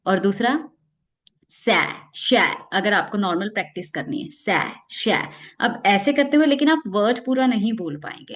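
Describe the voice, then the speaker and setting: A woman teaching English pronunciation in a casual spoken lesson, explaining patiently and repeating practice words slowly. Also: mid-range voice.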